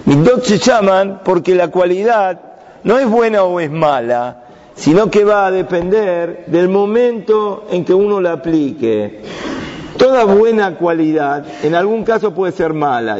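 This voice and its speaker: A man's voice: high-pitched, expressive, a little slow, darkish tone. A man teaching a Torah lesson to young students, asking the class questions and answering them himself. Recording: dull sound with long reverb.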